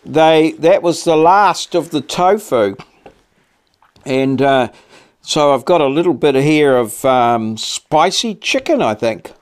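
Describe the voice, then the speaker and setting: A middle-aged man with a New Zealand accent, chatting casually to camera in a halting, laconic, blokey way. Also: on the high side, lively intonation, clean tone. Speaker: vlog host. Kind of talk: casual chat to camera while eating. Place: small cluttered home office, indoors.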